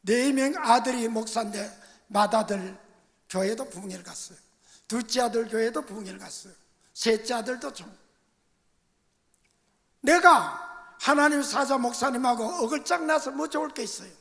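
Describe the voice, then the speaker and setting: A man's voice: extremely high pitch, moderate pace, long pauses. Give me an older male pastor telling stories in a sermon, with long church-hall reverb around his voice. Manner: storytelling, shifting between soft asides and emphatic bursts. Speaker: senior pastor. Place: church sanctuary.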